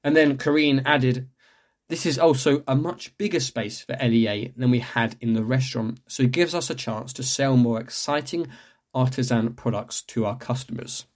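A man's voice: medium pitch, steady tone, normal speed. A young man hosting a podcast, chatting casually and reading local news with lots of fillers and restarts. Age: young adult. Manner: rambling, chatty, self-correcting with many fillers. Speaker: podcast host.

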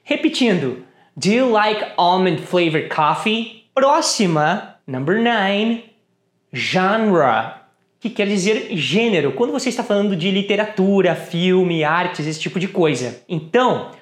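Slow, lively-voiced woman teaching pronunciation. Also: on the low side, reverberant. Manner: slow, deliberate model sentences repeated twice. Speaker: English teacher. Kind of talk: pronunciation lesson.

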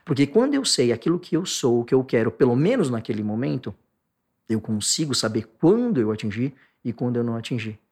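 Husky-voiced Brazilian man, animated explainer. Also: brisk. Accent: Brazilian Portuguese. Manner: animated, acts out angry outbursts in sharp bursts; drops to a soft, low tone for calm points. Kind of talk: explanatory talk on stress and anxiety.

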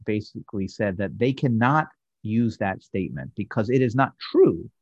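Husky low-voiced man in casual chat. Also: expressive, a little mellow, dry recording. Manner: halting, self-correcting, reports research. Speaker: podcast co-host. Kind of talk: casual chat about a TV episode. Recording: dull lo-fi dry sound.

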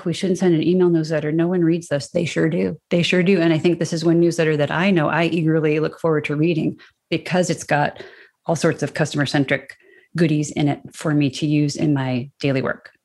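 A woman's voice: sits low, darkish tone. A woman guest in a podcast interview, answering at length in an upbeat, enthusiastic way with frequent restarts. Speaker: content strategy guest.

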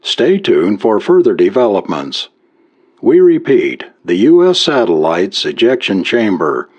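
A man's voice: on the low side, a little mellow, breathy edge, exaggerated voice. A man voicing a male radio news announcer giving an urgent, formal bulletin. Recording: dull lo-fi recording.

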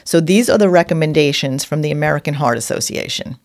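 Low-voiced woman with a New York accent. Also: quick pace, creaky, darkish tone, no room sound, clean studio sound. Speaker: podcast co-host. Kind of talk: conversational health discussion.

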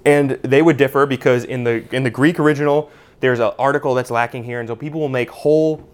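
A man's voice: mid-range voice, fairly even intonation, fast talker. A man teaching a Bible study class in a conversational way, with lots of "you know" and "uh". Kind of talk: unscripted teaching talk.

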